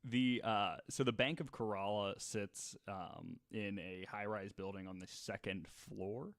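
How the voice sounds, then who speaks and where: On a podcast, a male co-host tells a true crime story in a casual, jokey, conversational manner, laughing as he talks. His fairly low, gravelly voice is a little slow, recorded in clean studio sound with no echo.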